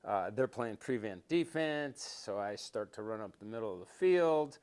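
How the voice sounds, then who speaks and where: Older man, smooth voice, rambling storyteller. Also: fairly low pitch, moderate pace. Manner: rambling with many restarts and fillers, grows animated telling stories. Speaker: interview guest, former quarterback. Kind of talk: relaxed storytelling interview.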